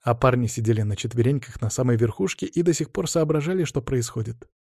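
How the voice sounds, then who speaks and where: A man's voice: mid-range voice, lively intonation, fast, warm tone, no room sound. A man narrating a first-person fantasy audiobook in a wry, ironic manner, read close to the mic.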